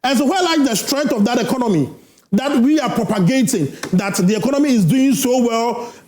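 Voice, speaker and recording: A Ghanaian man arguing as a political panelist in a heated studio debate, loud and emphatic, repeating rhetorical questions. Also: very high voice, lively intonation, a little fast, reverberant.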